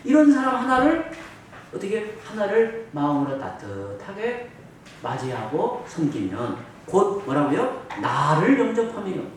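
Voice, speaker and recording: Korean pastor teaching in an echoey hall. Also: male voice, high voice, huge pitch swings, measured pace. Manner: reads scripture aloud, then explains it with many fillers. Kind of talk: Bible study lecture. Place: church hall. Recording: echoey hall, distant mic, faint noise.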